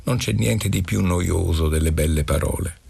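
Deep, gravelly male book reader. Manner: measured, expressive first-person storytelling. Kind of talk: literary audiobook reading on radio.

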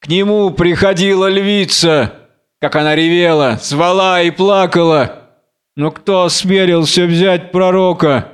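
A blind biblical strongman in a fury, as a male reader puts him on, flinging exalted taunts into the dark. His voice rides high and ringing, smooth and resonant. The delivery is wildly theatrical, like an old audiobook drama. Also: unhurried. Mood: menacing. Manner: wild, exalted, taunting declamation. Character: blind raging biblical strongman Samson, man.

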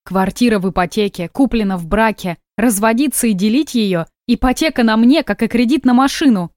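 A woman's voice: on the high side, fairly quick, no echo, studio quality, lightly acted. A woman reading a tired, defiant young wife who speaks sharply and indignantly, in an audiobook. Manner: weary, then sharp and indignant.

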